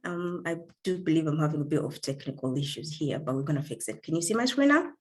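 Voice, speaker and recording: A woman from Kenya gives an online leadership talk over a video call, earnest and warm, with many fillers and repeated words. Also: low-pitched, animated, quick pace. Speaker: guest speaker.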